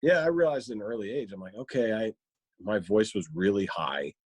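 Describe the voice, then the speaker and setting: A man's voice: fairly low pitch, lively intonation, fairly quick, darkish tone, husky, dry recording. A man, a comedian and voice actor, chatting as a podcast guest, reflective and storytelling, slipping into playful voices now and then. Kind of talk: casual chat.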